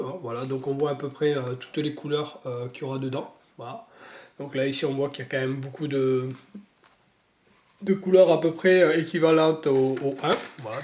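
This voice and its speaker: A man's voice: mid-range voice, darkish tone, slight background noise. A French-speaking man unboxing model paints in a casual video, talking through a stuffy nose from a cold, hesitant with many fillers. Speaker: model-kit hobby vlogger.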